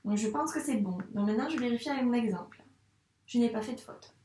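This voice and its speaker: A woman teaching young children handwriting, speaking patiently and slowly spelling words out syllable by syllable. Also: a little high, warm tone, reverberant, far from the mic. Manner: slow, patient, syllable-by-syllable dictation. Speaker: primary school teacher.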